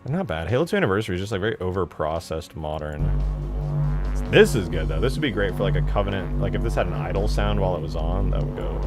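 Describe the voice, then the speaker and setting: Here the same channel host sounds low but animated and fast, swearing casually as he thinks out loud over his mod work in a screen-share. Music runs underneath his voice throughout.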